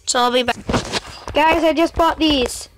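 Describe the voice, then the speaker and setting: High-voiced chatty woman gaming host. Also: unhurried, noisy background. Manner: chatty, keeps addressing viewers as guys. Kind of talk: casual gameplay commentary.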